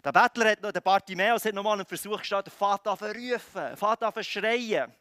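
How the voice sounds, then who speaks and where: A man's voice: high voice, fairly quick, pushed and bright, dry recording. A man preaching a sermon in a conversational way, acting out scenes with frequent restarts. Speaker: pastor.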